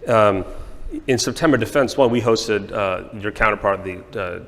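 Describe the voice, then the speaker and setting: A man with a fairly low voice asks his questions in a chatty style, slipping in jokes and quick asides. His voice echoes with a long reverb from a large hall. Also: fairly bright tone. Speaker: interviewer. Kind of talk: conversational interview questions.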